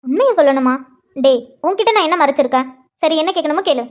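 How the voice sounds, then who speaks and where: A woman's voice: high-pitched, animated, fast. Woman voicing a tender, evasive elder sister. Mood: affectionate. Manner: affectionate, deflecting, hesitant. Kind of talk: cartoon voice acting.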